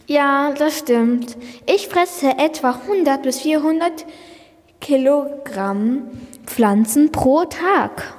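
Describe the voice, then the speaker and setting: A woman's voice: sits high, animated, takes it slowly, long reverb tail. A young speaker voicing a friendly female Brachiosaurus who patiently explains facts in a children's podcast play. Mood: friendly explaining. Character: friendly female Brachiosaurus, calm plant-eater.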